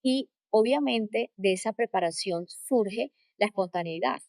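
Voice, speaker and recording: A woman with a coastal Colombian accent answering in an interview, emphatic and expressive, building her points in repeated phrases. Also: mid-range voice, a little slow, creaky, dry recording, studio quality. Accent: coastal Colombian (costeño). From Caribbean coast of Colombia. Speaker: interview guest, corporate trainer and coach. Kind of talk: conversational interview answers with anecdotes.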